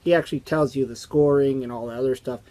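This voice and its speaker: A man around his thirties or forties with a strained, hoarse and raspy voice, chatting in a rambling, conversational way as host of a retro gaming channel. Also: mid-range voice, steady tone, fast, dark tone. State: hoarse from strained vocal cords. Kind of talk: casual chat to camera. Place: indoors, small basement game room.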